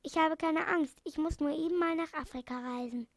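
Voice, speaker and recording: A woman's voice: high-pitched, normal speed, no room sound, studio quality. A woman reading as a kind old animal doctor. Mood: kindly.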